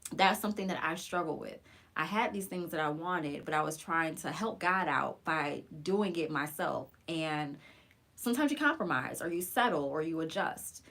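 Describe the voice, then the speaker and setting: A woman's voice: deep voice, animated, normal speed, fairly bright tone. A woman in her forties speaking earnestly and encouragingly in a casual live stream about her faith. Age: 40s. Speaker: faith vlogger. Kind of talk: live-stream personal testimony.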